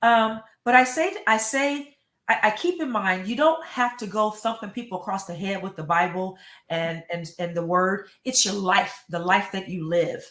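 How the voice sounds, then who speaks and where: A woman's voice: mid-range voice, normal speed, fairly bright tone, roomy sound. A middle-aged American woman, a school superintendent, giving earnest, emphatic interview answers and often repeating words. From United States.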